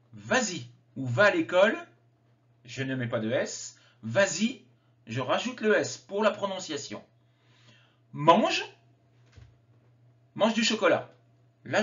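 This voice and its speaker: A man teaching a grammar lesson, slowly and carefully spelling out each example form. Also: on the high side, a bit bright. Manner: slow, careful enunciation of example words. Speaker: French teacher. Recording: dull lo-fi sound.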